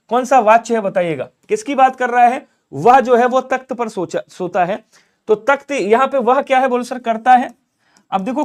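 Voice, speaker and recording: Male Hindi tutor, fairly high voice, steady explaining tone that poses a question and then answers it, exam-prep video lesson. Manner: explains answers step by step, asks and answers his own questions.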